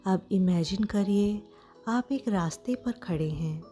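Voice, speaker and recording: Soft music accompanies a woman with an Indian accent as she leads a guided meditation. Her slightly low voice is mellow and relaxed, and she moves very slowly and gently through brief phrases with frequent soothing pauses.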